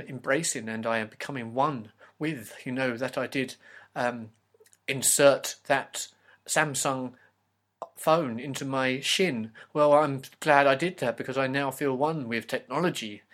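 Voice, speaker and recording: A man's voice: mid-range voice, a bit bright, lightly acted. Brief: reclusive grown son, stiffly formal and defensive, a man voicing him.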